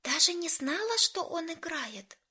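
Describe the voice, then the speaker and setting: A woman's voice: very high-pitched, sing-song, measured pace, bright, forceful tone, voice pushed up, exaggerated voice. A woman voicing a touchy young woman friend who speaks sharply and reproachfully in a storybook reading. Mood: whispering.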